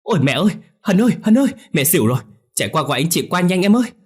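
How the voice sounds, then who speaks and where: A man voicing a panicked middle-aged son shouting for help. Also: sits high, sing-song, racing, slightly rough, pitched above the performer's own voice, full character voice. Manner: frantic shouting.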